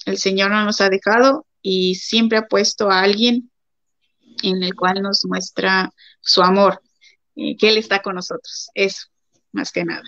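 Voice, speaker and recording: A woman's voice: medium pitch, flat delivery, a little slow, a bit bright, no echo. A woman from Mexico with a Mexican accent, chatting as a guest and telling stories with many fillers. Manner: chatty, many fillers, acts out quoted voices. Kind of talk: casual testimony chat. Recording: dry, dull lo-fi sound.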